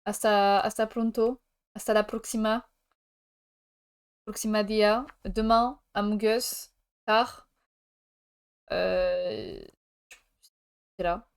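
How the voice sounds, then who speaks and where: A woman's voice: mid-range voice, fairly even intonation, takes it slowly, long pauses, clear, resonant tone. A young woman live-streaming from France, chatting casually with viewers and laughing while she jokes in mock Spanish.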